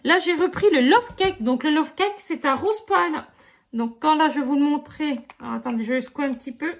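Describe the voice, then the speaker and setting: Speaking fairly quickly in a high-pitched voice, a middle-aged beauty vlogger chats loosely through her haul review. Fillers such as "euh" and "franchement" crop up constantly, along with asides aimed at her viewers.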